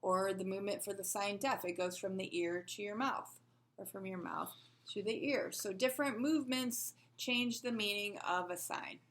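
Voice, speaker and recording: A woman's voice: medium pitch, normal speed, fairly bright tone, a little hiss or hum. A woman teaching a sign language lesson, patiently explaining and asking rhetorical questions as she demonstrates.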